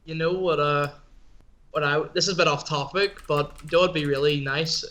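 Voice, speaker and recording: A man's voice: a little high, fairly even intonation, moderate pace, sharp tone. A man co-hosting a casual gaming podcast, laid-back and teasing. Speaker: podcast co-host.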